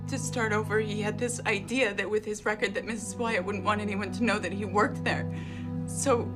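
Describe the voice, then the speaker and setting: A woman's voice: medium pitch, natural voice. An actress playing an earnest, pleading woman under police questioning in film dialogue. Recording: loud music over the dialogue.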